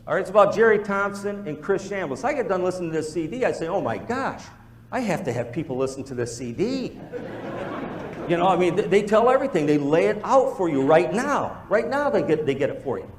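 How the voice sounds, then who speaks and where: A man's voice: sits high, brisk, reverberant, noisy background. A man giving a motivational business talk to a live group, telling stories and acting out the dialogue. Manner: storytelling, animated, acts out quoted dialogue. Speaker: business presenter.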